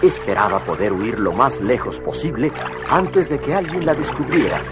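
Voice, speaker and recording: A man's voice: medium pitch, lively intonation, moderate pace. A man reading scripted story narration as the narrator of a children's tale. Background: music.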